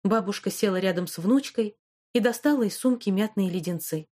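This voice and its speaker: A woman narrating a novel as an audiobook in an even, expressive storytelling voice. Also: medium pitch, fairly quick.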